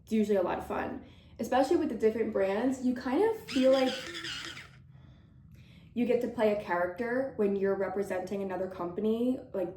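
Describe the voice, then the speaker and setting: Her voice slightly high and mellow, a twenty-something model and vlogger laughs often as she answers viewer questions in a bubbly, chatty to-camera Q&A. She sounds a little out of breath, and the audio has a roomy echo with a little hiss or hum.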